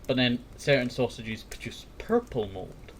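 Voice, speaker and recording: A man hosting a fireside talk series chats casually and meanders, repeating words and verbal tag phrases and sometimes reading passages aloud. His mid-range voice is animated and measured in pace. A bit of background noise is audible.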